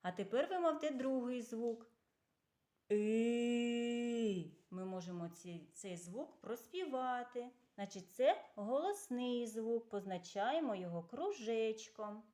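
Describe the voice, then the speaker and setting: Slow, patient woman teaching young children. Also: on the high side, very animated, warm tone. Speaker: kindergarten teacher. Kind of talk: recorded preschool lesson.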